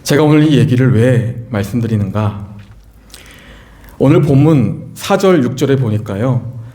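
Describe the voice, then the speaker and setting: A middle-aged man preaching in a church. He tells a story about his own children in an earnest, conversational way and often turns to the congregation with questions. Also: measured pace. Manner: earnest storytelling, rising pitch when excited, asks the congregation questions. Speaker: pastor. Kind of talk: sermon with personal story. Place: church sanctuary.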